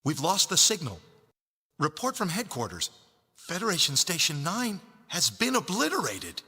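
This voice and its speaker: Reverberant, raspy starship bridge officer. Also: male voice, on the high side, wildly swooping pitch, moderate pace, pushed and bright, heavily acted. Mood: urgent. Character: urgent, dutiful male starship bridge officer. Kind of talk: dramatic video game voice acting. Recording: long hall-like reverb.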